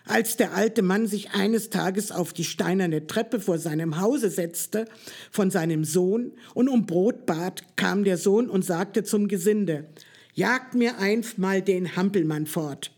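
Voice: mid-range voice, darkish tone. A reader voicing a hideous, grinning giant who relishes cruelty, in a storybook reading.

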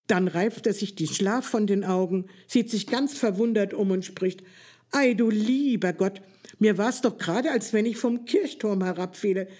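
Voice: medium pitch, moderate pace, a little mellow, breathy edge, natural voice. A reader voicing a kindly, playful king of dreams in a storybook reading. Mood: amused. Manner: friendly, teasing storyteller.

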